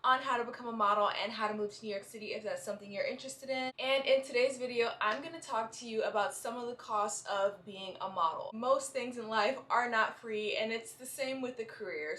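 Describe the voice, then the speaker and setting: Young woman, slight retainer lisp, higher voice. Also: fairly bright tone. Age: young adult. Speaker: vlogger, model giving advice. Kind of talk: casual explanatory vlog to camera. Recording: roomy indoor echo.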